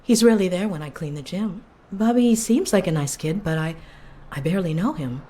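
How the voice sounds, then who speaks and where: An actress playing a weary, guarded waitress and cleaner in a video game, hesitant, working the counter as a fast food cashier. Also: female voice, lowish voice, animated, dark tone, slight background noise, lightly acted.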